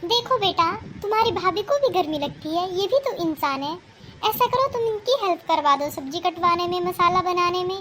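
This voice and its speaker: A woman's voice: very high voice, lively intonation, moderate pace, pushed and bright, slight background noise, heavily acted. Woman voicing a scolding cartoon mother-in-law. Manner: scolding, lecturing. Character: older scolding mother-in-law, sharp-tongued but fair. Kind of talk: cartoon voice acting.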